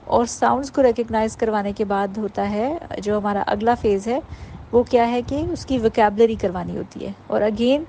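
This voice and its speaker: A woman giving an informal workshop talk to mothers, explaining patiently and sounding out letters slowly. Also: a little high, warm tone, a little hiss or hum, low-quality recording. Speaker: parenting workshop teacher.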